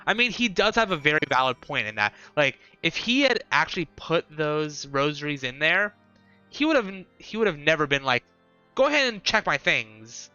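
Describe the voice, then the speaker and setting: A man's voice: a little high, very animated, moderate pace, pushed and bright, clean tone, no echo, soft background music. A man chatting casually with viewers while streaming a video game. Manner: chatty, talks to chat viewers. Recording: dull lo-fi stream audio.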